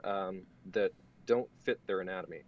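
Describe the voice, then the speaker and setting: A man's voice: low-pitched, moderate pace, highs cut off. A young man co-hosting a casual podcast, spinning a long mock-serious sarcastic bit and breaking into laughs. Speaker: podcast co-host.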